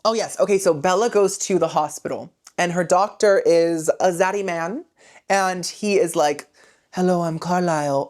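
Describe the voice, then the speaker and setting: A woman hosting a comedic movie retelling podcast, full of sassy, rambling asides. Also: medium pitch. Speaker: host.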